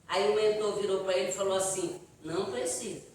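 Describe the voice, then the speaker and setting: A woman's voice: mid-range voice, fast, far from the mic. Brazilian woman lecturing in an echoey hall. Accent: Brazilian Portuguese. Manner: chatty, animated storytelling with audience asides. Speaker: spiritist lecturer answering questions. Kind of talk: live lecture Q&A to an audience. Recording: echoey hall, voice from afar, faint noise.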